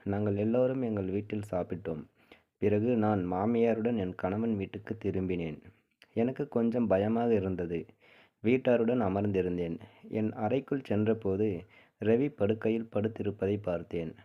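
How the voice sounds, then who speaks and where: A man narrating a first-person short story in a steady, even reading style. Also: lowish voice, moderate pace. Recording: tinny phone-like sound.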